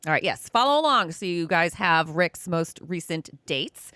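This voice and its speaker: Low-pitched, lively woman co-host. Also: normal speed, clean tone, no room sound, studio quality. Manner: easygoing, laughs often, warm sign-off reading. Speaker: podcast co-host. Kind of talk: casual chat.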